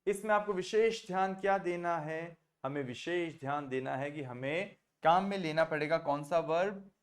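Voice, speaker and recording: A man leads a language class, his voice sitting a touch higher than most men's. He spells out verb endings slowly and patiently, and keeps asking whether everyone has understood. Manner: patient, checks understanding often; mixes Hindi and English, spells out French verb forms. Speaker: French teacher. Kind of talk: online class teaching.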